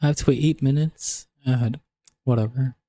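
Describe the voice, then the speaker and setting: This man is a gaming livestreamer chatting casually over background music, sprinkling "like" throughout. His medium-pitched voice is mellow, with fairly even intonation and a moderate pace.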